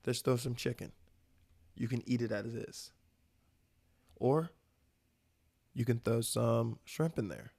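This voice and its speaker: A man's voice: mid-range voice, slow, vocal fry, long pauses, a little mellow. A young man from the American South hosting a casual solo podcast, talking about food with enthusiastic, rambling energy and casual swearing. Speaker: podcast host.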